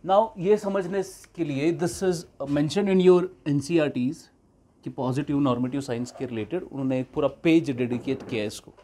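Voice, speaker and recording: A man teaching an online economics class. He switches between slow, deliberate English and quicker Hindi, and keeps checking that the class understands. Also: fairly high pitch, dark tone.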